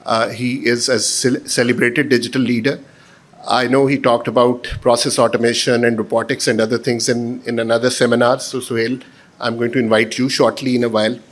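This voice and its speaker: A man with a Pakistani accent moderating a panel, introducing guests informally in a halting way with frequent pauses. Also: mid-range voice, flat delivery.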